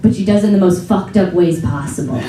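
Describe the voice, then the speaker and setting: A woman's voice: medium pitch, background noise. A young woman from a small American town doing stand-up comedy on a theater stage, wry and exasperated, often laughing through her lines. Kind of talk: stand-up set. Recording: roomy live venue audio with crowd laughter, taped from a distance. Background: audience laughter.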